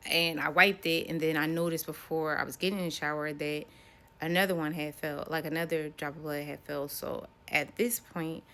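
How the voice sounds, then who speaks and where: Low-voiced American woman vlogging casually. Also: fairly even intonation, moderate pace, a bit bright. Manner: conversational, rambling, addressing viewers directly. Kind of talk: casual personal vlog storytelling.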